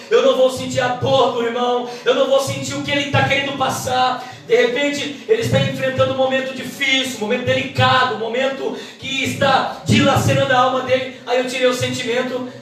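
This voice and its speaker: A woman's voice: sits high, little pitch movement, faint music behind. Woman teaching in an echoey church. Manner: quick, emphatic preaching delivery. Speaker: Bible teacher. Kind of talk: church Bible lesson. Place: church hall. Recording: echoey hall, mic from far off.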